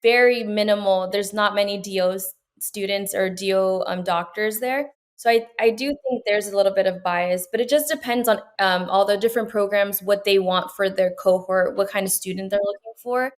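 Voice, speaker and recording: A woman's voice: mid-range voice, moderate pace, hardly any pauses. A young woman from Peru, a medical student, answering interview questions in an earnest, reflective way with frequent fillers and restarts.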